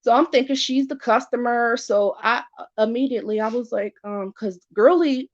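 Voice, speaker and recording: A woman tells a story in casual, animated talk. She voices both sides of each exchange as she goes. The audio is a little dull and lo-fi. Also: a little high, normal speed. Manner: acts out both sides of conversations. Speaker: furniture store office manager in customer service.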